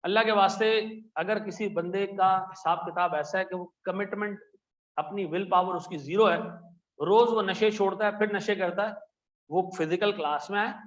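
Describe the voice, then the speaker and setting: A middle-aged man from Pakistan with a Pakistani Urdu accent, lecturing a class in a chatty, animated way with frequent "theek hai ji" asides. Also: high-pitched, muffled recording. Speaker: accountancy teacher. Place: classroom with air conditioners and lights.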